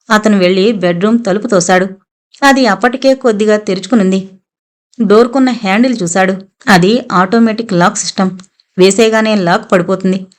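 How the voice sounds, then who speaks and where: Woman narrator, scripted novel reading, steady even storytelling. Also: medium pitch. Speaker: audiobook narrator.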